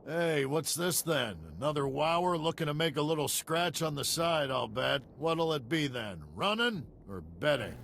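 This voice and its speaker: A man's voice: a little high, animated, normal speed, creaky, hardly any pauses, fairly bright tone, a little hiss or hum. An actor playing a cocky, sarcastic male gambling tout who taunts people in a video game. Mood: sly, goading. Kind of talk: video game character dialogue.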